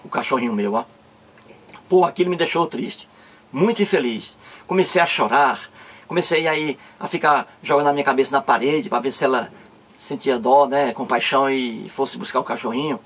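A man with a Cearense accent telling a long comic story from his childhood, drawing it out and rising to a tearful high pitch at the punchline. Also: moderate pace, fairly bright tone, slightly rough. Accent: Cearense Portuguese. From Ceará, Brazil. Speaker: comedian. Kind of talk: storytelling stand-up joke.

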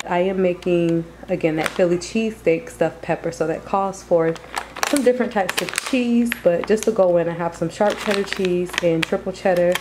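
A woman vlogger with a mid-range voice chats informally to her viewers in a casual grocery haul voice-over. There's noise in the background.

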